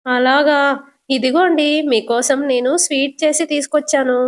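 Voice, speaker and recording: A doting, fussy middle-aged mother-in-law, as a woman puts her on in a storytelling recap. She coaxes and scolds in a high voice, pressing everyone to eat her cooking. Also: fairly even intonation, moderate pace, natural voice. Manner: coaxing, scolding.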